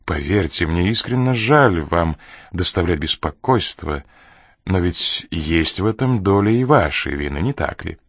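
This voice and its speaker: Man doing a calm, politely menacing gentleman. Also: fairly low pitch, no echo, studio quality. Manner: calm, courteous, measured.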